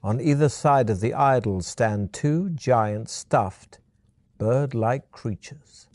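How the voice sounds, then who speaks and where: A man narrating a fantasy gamebook adventure in the second person, in a measured storytelling manner. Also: medium pitch, darkish tone, no echo.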